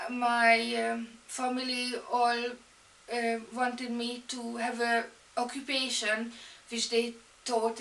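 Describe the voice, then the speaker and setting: A woman's voice: on the high side, creaky, a bit bright, reverberant, distant mic. A woman from Hungary, speaking English with a Hungarian accent, introducing herself as an art and fashion student, with many ums and restarts. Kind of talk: personal introduction video.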